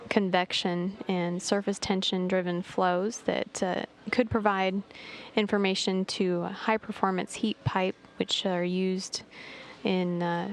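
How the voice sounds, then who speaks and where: Flat-toned woman giving a mission update. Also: mid-range voice. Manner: halting, measured delivery with hesitant pauses. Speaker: mission control commentator. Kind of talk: live status update narration.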